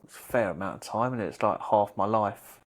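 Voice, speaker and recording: A man in his late thirties chatting on a podcast with a mate. He swears freely and his voice shoots up high whenever he gets worked up in an argument. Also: fairly quick. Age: 30s. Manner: sweary, jumps to a high pitch when arguing. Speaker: podcast co-host. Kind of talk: casual chat.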